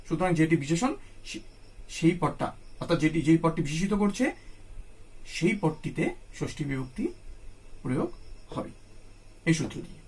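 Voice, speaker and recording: Male teacher, high voice, Bengali accent, patient repeated explanations, self-posed questions. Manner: repeats points patiently, asks and answers own questions. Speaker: Sanskrit teacher. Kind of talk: classroom grammar lesson.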